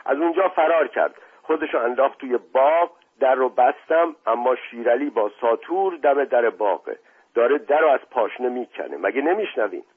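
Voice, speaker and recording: A man voicing a frantic older male servant who shouts out of breath, in a husky voice on a phone-like recording. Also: mid-range voice, expressive, pitched above the performer's own voice. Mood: urgent.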